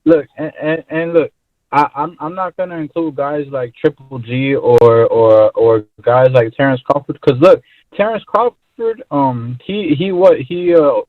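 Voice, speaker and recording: A man's voice: medium pitch, no echo. A man calling in to a talk show over a bad, choppy phone connection, talking loosely and rambling, saying bro a lot. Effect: phone line with choppy, bad connection. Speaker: caller. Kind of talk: casual call-in chat. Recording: tinny, dry phone line.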